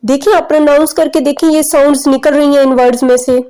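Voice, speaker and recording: A woman English teacher giving a pronunciation lesson, slowly drawing out example words and speaking straight to her students. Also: high-pitched, fairly even intonation, dark tone, rough recording. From Pakistan. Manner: mixes Hindi-Urdu with English, addresses students directly. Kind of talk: classroom lesson explaining pronunciation.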